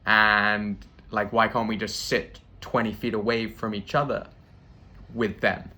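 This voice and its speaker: A man's voice: lowish voice, measured pace. Rambling British man telling comic stories. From Britain. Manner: rambling, self-interrupting, deadpan asides. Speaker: comedian host. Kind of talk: stand-up storytelling.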